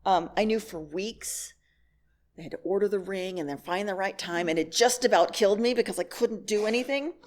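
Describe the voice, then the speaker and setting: Briskly and with a slightly mellow, mid-range voice, a middle-aged woman addresses a congregation as a guest speaker at church. Her talk is candid and wry, full of stories and acted-out dialogue, and she laughs as she goes; there is slight background noise.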